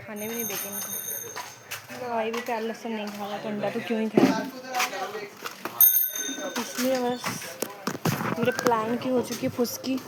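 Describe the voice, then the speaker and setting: A young woman casually vlogs on her phone, talking directly to her viewers and laughing often. Her slightly high voice has little pitch movement, a normal speed, and long pauses, against loud background noise.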